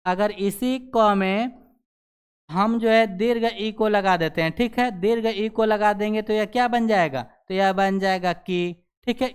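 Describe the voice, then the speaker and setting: A man's voice: high-pitched, clear, resonant tone. A man teaching grammar in a classroom style, asking questions and answering them himself, and saying "theek hai" again and again. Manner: repeats "ठीक है" after nearly every sentence.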